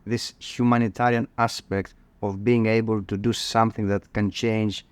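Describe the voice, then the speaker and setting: A man from Greece with a Greek accent, a cardiologist guest on a podcast, talking in a halting way with many fillers and restarts. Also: lowish voice, little pitch movement, clear, resonant tone, no room sound. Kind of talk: podcast interview.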